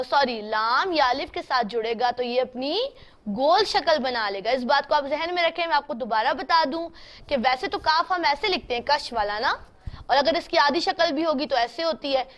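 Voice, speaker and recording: A woman's voice: high voice, a bit bright. A woman teaching an online handwriting class, patiently spelling out letters one by one and asking her students questions.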